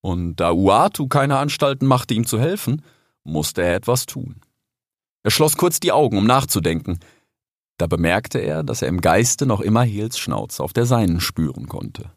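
A man narrating a children's animal story as an audiobook, in an expressive storytelling manner. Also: fairly low pitch, moderate pace, no echo, studio quality.

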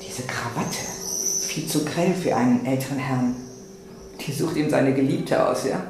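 A man's voice: mid-range voice, measured pace. Man reading with vivid expression, echoey. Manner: dramatic, shifting tones of an anxious inner monologue. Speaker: reader. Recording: echoey room, faint noise.

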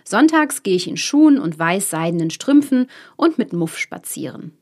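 A woman's voice: medium pitch, very animated, moderate pace. A woman voicing April, a dapper, fickle male prankster with a teasing, changeable manner, in a storybook reading. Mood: chatty.

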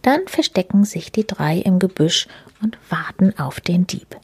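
A woman narrating a children's story in a whispered role-play style, soft and hushed. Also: on the low side, expressive, measured pace, husky, no room sound.

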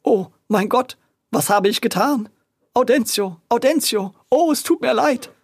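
A high, shrill, hot-headed greengrocer in a children's audio story. He rants and yells with a gravelly edge. The sound is dry and close. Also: unhurried, no echo. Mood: anxious apology. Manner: shrill, shouting and ranting. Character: hot-tempered middle-aged male greengrocer.

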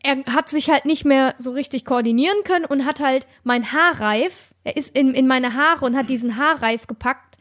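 A young woman with a notably high voice talks in a relaxed chat. She tells her story in an animated way, stumbling and restarting as she goes, with plenty of fillers. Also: normal speed. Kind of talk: casual chat.

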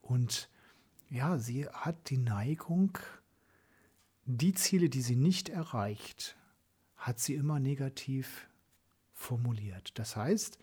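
A man in casual conversation, telling a story about a client and quoting her in lively asides. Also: medium pitch, takes it slowly, pauses often, breathy edge.

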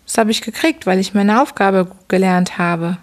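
A woman's voice: medium pitch, normal speed, lightly acted. A woman voicing a cheeky young boy answering back in a bedtime audiobook reading. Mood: defiant.

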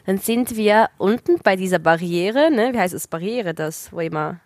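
A woman telling a story in casual chat, lively and laughing often. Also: medium pitch, normal speed, dry recording.

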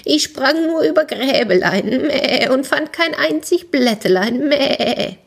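A woman's voice: high voice, expressive, takes it slowly, creaky, voice pushed up, exaggerated voice. A woman voicing a sly, lying goat that bleats its rhymes in a sing-song. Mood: bleating.

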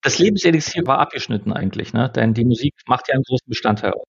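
A man interviewing a guest, summarizing his answers and probing with measured questions. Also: medium pitch, expressive, creaky, husky, highs cut off.

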